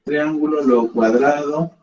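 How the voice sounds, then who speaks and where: A man's voice: fairly high pitch, steady tone, a little slow, darkish tone. A man teaching a math class, patiently guiding students step by step. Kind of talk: classroom lesson. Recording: echoey classroom, dull lo-fi sound.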